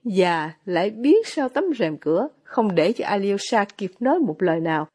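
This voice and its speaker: A woman reading a novel aloud in steady scripted narration. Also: medium pitch, normal speed, husky. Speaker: audiobook narrator.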